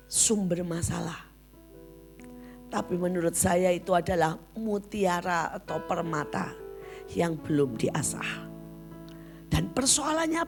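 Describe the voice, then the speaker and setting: A woman's voice: on the low side, vocal fry. A woman preacher giving a sermon full of personal stories, often addressing her listeners directly as brothers and sisters and acting out the people she quotes. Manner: addresses listeners as "saudara" again and again; lively storyteller who acts out the people she quotes.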